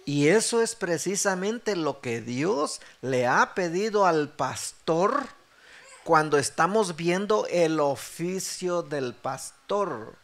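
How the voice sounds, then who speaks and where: A middle-aged man preaching a sermon as pastor, acting out the dialogue with animated delivery. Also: a little high, takes it slowly.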